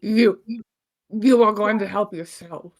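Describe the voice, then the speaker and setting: A woman voicing a slow, teasing old fortune cookie maker. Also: mid-range voice. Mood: stern. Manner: slow, measured and teasing, slightly slurred. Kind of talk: live-streamed script read-through.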